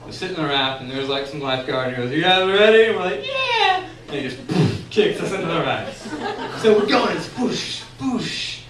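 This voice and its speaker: A young man from Texas telling a funny personal story on stage at a bar, animated and laughing as he goes. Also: a little high, brisk. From San Antonio, Texas. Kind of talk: comic personal story told live. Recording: echoey room recording from far off, noisy.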